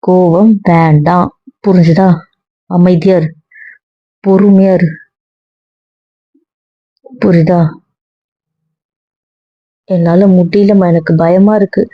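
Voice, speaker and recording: A woman acting as a young wife who gently soothes and coaxes her anxious husband, in an amateur serial drama. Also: on the low side, no room sound. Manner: soothing, coaxing. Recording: dull, dry lo-fi recording.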